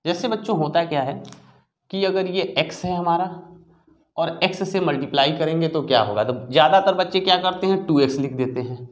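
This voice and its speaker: A man's voice: a little high, a little fast. A man teaching a maths lesson to children, explaining step by step and asking questions that he answers himself. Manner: explains step by step, checking with "ठीक है बच्चों"; asks the class questions and answers them himself.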